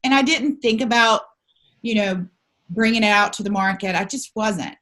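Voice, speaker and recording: A woman at a middling pitch. She is a business founder in an interview, recounting her experience in an animated, chatty way. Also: normal speed. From southern United States. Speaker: beauty company founder, interview guest. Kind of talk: conversational personal storytelling interview.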